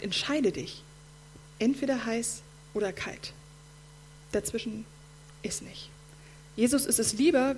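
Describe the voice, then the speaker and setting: A woman preaching a sermon in German, speaking directly and warmly to her listeners as friends. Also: medium pitch, a little hiss or hum.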